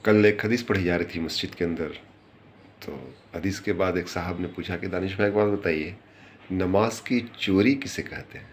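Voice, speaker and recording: Man, very low voice, informal religious talk, earnest, explanatory, repeats for emphasis. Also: normal speed, a little hiss or hum. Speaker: speaker giving religious advice.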